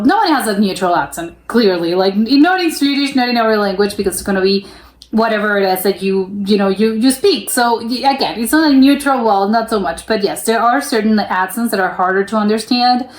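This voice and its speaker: A young adult American woman with a medium-pitched, brisk voice hosts a reaction video. She rambles casually, restarting often and using lots of "like" fillers, and the room gives a noticeable echo.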